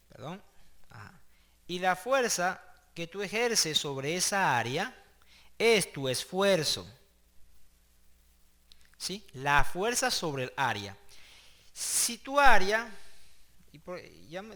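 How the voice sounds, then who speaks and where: A man teaching a class online, with a bright, forward voice that sits a little above the usual male range. He talks conversationally and keeps checking in with the students. He builds each idea step by step and now and then restarts a phrase as he goes. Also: high voice. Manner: explains step by step, with hesitant restarts. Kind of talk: online class lecture with prayer.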